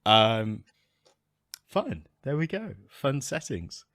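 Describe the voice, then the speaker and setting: A man hosting a podcast, talking in relaxed, easygoing casual chat. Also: medium pitch, slow, no room sound, clean studio sound. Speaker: podcast host.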